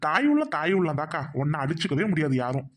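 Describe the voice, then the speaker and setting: A voice actor playing a chatty woman friend of the bride in a cartoon, who flatters her older friend. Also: mid-range voice. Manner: quick, flattering.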